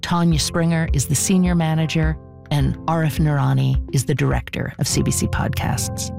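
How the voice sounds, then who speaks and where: A woman's voice: sits low, steady tone, normal speed, creaky, music in the background. A woman hosting a podcast, reading scripted narration. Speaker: podcast host.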